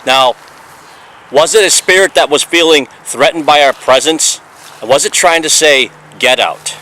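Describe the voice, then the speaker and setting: Earnest bright-voiced male paranormal investigator. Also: a little high, normal speed, slight background noise, rough recording. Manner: earnest, explanatory, builds up each finding. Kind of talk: narrated investigation voice-over.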